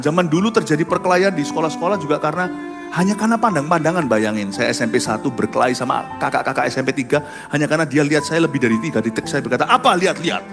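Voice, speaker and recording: Animated preacher in an echoey church hall. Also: male voice, medium pitch. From Surabaya, Indonesia. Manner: animated, swings from loud outbursts to soft confessions. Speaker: pastor. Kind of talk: sermon with personal storytelling. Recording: echoey hall with music behind.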